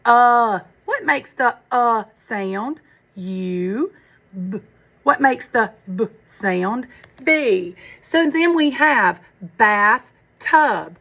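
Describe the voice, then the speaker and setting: A woman who teaches first grade, explaining to parents how she teaches spelling, sounding words out slowly and methodically. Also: fairly high pitch, creaky, fairly bright tone, breathy edge, poor audio. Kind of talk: explaining phonics lesson to parents.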